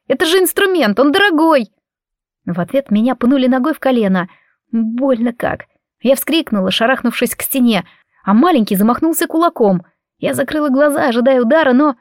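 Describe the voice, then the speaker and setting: A woman reading a first-person audiobook story in an expressive, emotional way. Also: fairly high pitch, no room sound, studio quality. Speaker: audiobook narrator.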